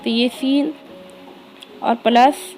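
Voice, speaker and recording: A woman with an Indian accent, teaching an early reading lesson by spelling words out letter by letter, slow and drawn-out. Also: a little high, fairly even intonation, darkish tone, soft background music, rough recording. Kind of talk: spelling lesson for young children.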